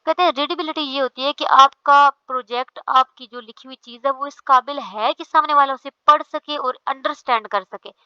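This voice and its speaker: A woman's voice: sits high, moderate pace, hardly any pauses, sharp tone, no room sound, highs cut off. A woman teaching a lecture, going over each point step by step and often checking in with "theek hai". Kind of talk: explaining a lecture.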